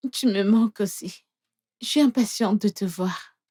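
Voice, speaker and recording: Film dub: sweet, clingy young woman, high and soft, slow and cooing. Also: slightly rough.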